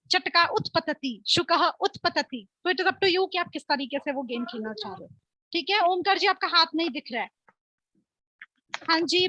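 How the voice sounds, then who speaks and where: A woman teaching an online class through a playful word game, encouraging her pupils and drilling words slowly and clearly. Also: sits high, pushed and bright, no echo, muffled recording. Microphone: video call.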